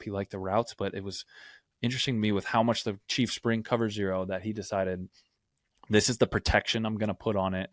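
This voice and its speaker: A man's voice: fairly low pitch, no room sound, clean studio sound. A man co-hosting a football podcast, explaining plays from game film and often checking in with "right?". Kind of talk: film breakdown.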